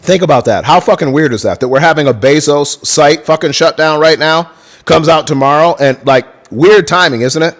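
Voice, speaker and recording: A man with a slightly higher-than-usual voice hosts a livestream. He reads book passages aloud and keeps stopping to chat with viewers and thank them. His delivery is loose and casual, and he swears often. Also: normal speed. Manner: profane, chatty, thanks viewers mid-reading. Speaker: livestream host.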